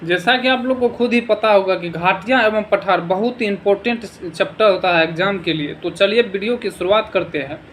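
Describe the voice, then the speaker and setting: A man's voice: high voice, a little fast, few pauses, a bit bright, slight background noise, rough recording. A man teaching an exam revision lesson, asking short quiz questions and answering them himself, sometimes stumbling over foreign place names.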